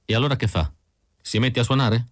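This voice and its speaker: Man reading a brusque, sharp female android. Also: mid-range voice, brisk, no echo, studio quality, voice pushed up, lightly acted. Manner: brusque, cutting.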